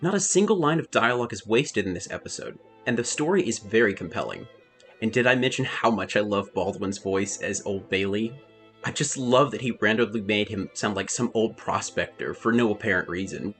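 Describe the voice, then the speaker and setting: A man delivers a scripted review in a fairly lively voice of average pitch. Soft music plays behind him. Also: brisk.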